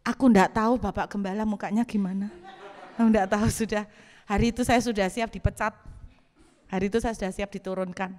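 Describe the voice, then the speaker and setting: A woman pastor, preaching a sermon as an animated story with acted-out dialogue. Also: fairly quick. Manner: animated storytelling, acts out dialogue, laughs, bursts into high exclamations. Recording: long hall reverb.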